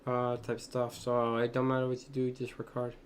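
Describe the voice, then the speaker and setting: A man's voice: medium pitch, completely flat delivery, moderate pace, over music. A man streamer giving casual reaction commentary in a blunt, slangy way.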